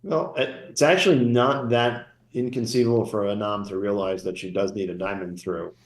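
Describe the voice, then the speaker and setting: A man giving analytical live bridge commentary, slightly halting as he thinks. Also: fairly low pitch, fairly even intonation, echoey room.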